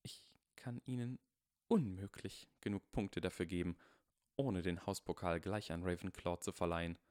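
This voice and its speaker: A man voicing a stern, dignified older woman professor with slow, hushed, formal speech, as in an audiobook. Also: low voice, steady tone, no room sound, studio quality, natural voice. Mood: measured.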